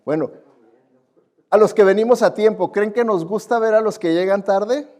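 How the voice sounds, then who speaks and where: Standing before a live church congregation, a man delivers a conversational sermon as their pastor. He scolds his listeners and keeps putting rhetorical questions and agreement-seeking tags to them, speaking at a moderate pace in a high voice with a darkish tone.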